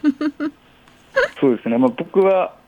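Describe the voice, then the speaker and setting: A man's voice: a little high, very animated, normal speed, slight background noise. A man calling in to a radio show as a racing cyclist guest, heard over a phone line, answering in a laid-back, matter-of-fact way with many hedging fillers. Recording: dull, muffled phone line.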